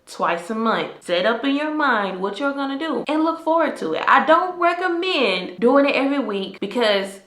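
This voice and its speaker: A woman in her twenties talks straight to the camera in a chatty, emphatic vlog, tossing in sassy asides. Her voice is bright and forward, and the room around her rings with echo. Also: high voice, very animated, normal speed, hardly any pauses. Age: 20s. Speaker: lifestyle vlogger. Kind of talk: casual advice vlog.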